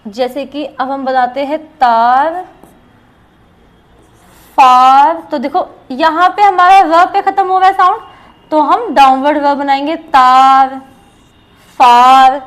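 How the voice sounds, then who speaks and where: A woman's voice: high voice, normal speed. An Indian woman teaching a shorthand lesson, explaining rules step by step and repeating each example aloud.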